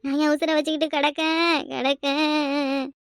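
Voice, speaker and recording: A melodramatic village mother, played by a woman for a cartoon, lamenting and sobbing in Kanyakumari Tamil. The voice sits very high. It is recorded dry and close. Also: little pitch movement, normal speed, dry recording, close to an everyday voice. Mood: wounded. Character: wailing middle-aged village mother, dramatic. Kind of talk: cartoon voice acting.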